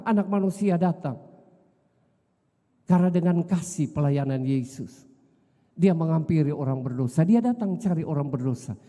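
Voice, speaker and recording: A middle-aged man preaches with a high-pitched, dark and mellow tone. His sermon swings from fervent raised lines to hushed, low confessions. The recording carries the long reverb of a church hall. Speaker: pastor.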